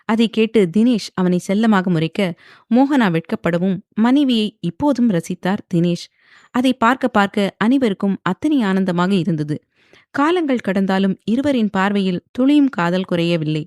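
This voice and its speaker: A woman reading a romance novel aloud as narrator, in an even storytelling voice. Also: mid-range voice, normal speed, no echo, clean studio sound. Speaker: audiobook narrator.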